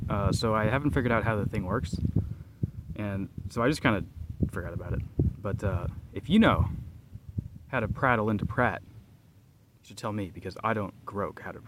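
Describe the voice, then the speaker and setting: A man's voice: lowish voice, noisy background. A young man hosting a language learning podcast, explaining a study method in a casual, rambling way, full of fillers and "right?" tags. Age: young adult. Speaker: podcast host.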